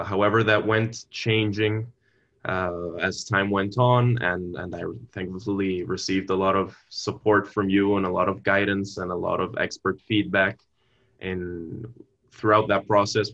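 In dull audio, a low-pitched, slightly bright male voice belongs to a young Venezuelan university student being interviewed conversationally. He replies earnestly and politely, building long careful sentences and occasionally restarting.

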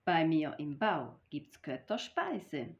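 A woman's voice: deep voice, sing-song, takes it slowly, gravelly, pitched below the performer's own voice, heavily acted. Woman putting on a sly coaxing fox. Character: sly friendly male fox. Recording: dull lo-fi recording.

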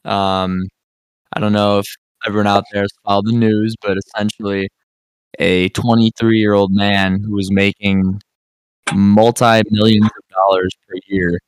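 A man's voice: fairly low pitch, flat delivery, measured pace, clear, resonant tone, no echo. A man co-hosting a podcast, chatting casually with a hesitant, filler-heavy delivery. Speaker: podcast co-host. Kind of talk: casual chat.

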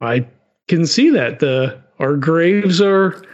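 A man's voice: a little high, expressive, slow pace. A man playing a stiff, formal monster hunter. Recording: dull lo-fi mic.

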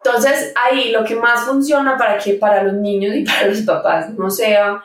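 A woman's voice: medium pitch, steady tone, moderate pace. A woman hosting a podcast, speaking candidly and chattily about her own family life. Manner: candid and chatty, shares personal stories. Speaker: podcast host. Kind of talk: casual interview chat. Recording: roomy sound, mic at a distance.

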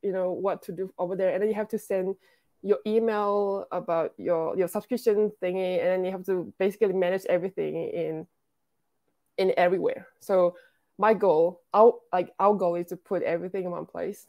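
Mellow-voiced woman chatting on a call. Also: fairly low pitch, fairly even intonation, normal speed. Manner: chatty, frequent "like" and restarts. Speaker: guest, self-taught programmer and founder. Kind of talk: casual interview chat.

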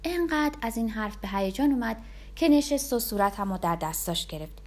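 A woman's voice: fairly high pitch, lively intonation, a little mellow. A woman narrating a story in the first person, reading expressively.

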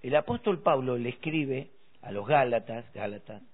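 A man's voice: mid-range voice, animated, normal speed, husky. A man on a faith radio show, quoting scripture firmly and correcting his co-host. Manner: quotes scripture, firm and corrective. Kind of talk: casual devotional radio chat. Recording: tinny phone-like radio audio.

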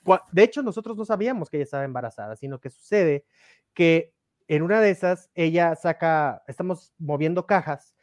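A man's voice: fairly high pitch, brisk, no room sound, clean studio sound. A man, a podcast guest, telling personal stories casually and acting out the dialogue with animation. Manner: animated, acts out quoted dialogue. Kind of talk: casual storytelling.

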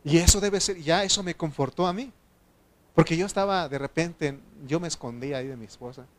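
A male preacher delivering a heartfelt sermon in church. His voice sits a little high for a man, sinking low and quiet when he speaks of his own grief, then climbing loud and urgent as he exhorts his listeners. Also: brisk. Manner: emotional, swings from soft to loud.

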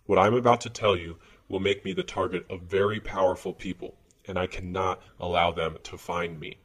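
Anonymous whistleblower played by a man, low husky voice under fuzz distortion, grave and measured, sci-fi audio drama. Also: steady tone. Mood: grave, urgent. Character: fearful anonymous male research whistleblower, grave and urgent. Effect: distorted voice disguise with fuzz. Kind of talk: scripted science fiction monologue.

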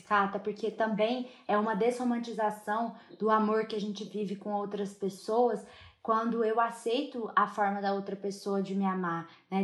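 Affirming woman in echoey room. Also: medium pitch. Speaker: podcast co-host. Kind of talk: conversational podcast talk.

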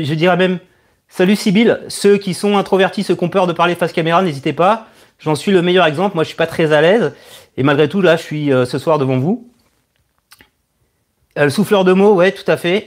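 This online video creator, a man in his thirties, runs a casual live stream where he takes questions from viewers. His voice sits on the higher side and sounds hesitant, with halting delivery and words repeated while he works out his thoughts.

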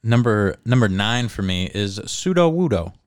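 A man's voice: fairly low pitch, big pitch swings, moderate pace, smooth, no echo, studio quality. A man chatting casually as a podcast co-host, laid-back and sweary, peppering his talk with dude and like. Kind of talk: casual chat.

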